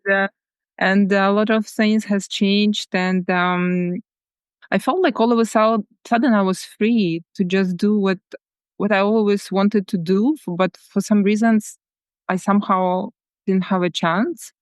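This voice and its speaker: A woman from Ukraine with a Ukrainian accent, speaking reflectively as a guest in a podcast interview, often repeating words and laughing softly. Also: medium pitch, fairly even intonation, measured pace, clean tone, no room sound, clean studio sound. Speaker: guest artist.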